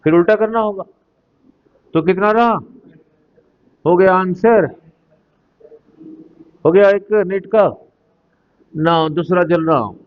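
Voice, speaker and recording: A man with a high voice teaches physics in a lo-fi classroom recording, explaining slowly and deliberately at a whiteboard. He mixes Hindi and English and keeps asking the class questions.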